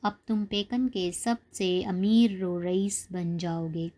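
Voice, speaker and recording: A woman's voice: on the low side, warm tone, lightly acted. A woman voicing a scheming male sorcerer who coaxes a boy to hand over a lamp, in a storybook reading. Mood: coaxing. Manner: coaxing.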